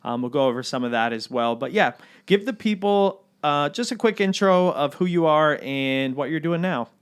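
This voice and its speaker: A man hosting a podcast, talking in a relaxed, chatty way with frequent ums. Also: fairly high pitch, moderate pace, clean tone, dry recording. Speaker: podcast host. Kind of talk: casual podcast chat.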